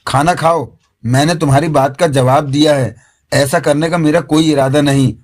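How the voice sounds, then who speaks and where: A man's voice: fairly high pitch, steady tone, moderate pace, natural voice. A man doing Momo, a stern, pompous jinn. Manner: stern, commanding. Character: stern, pompous male jinn who rules his slaves.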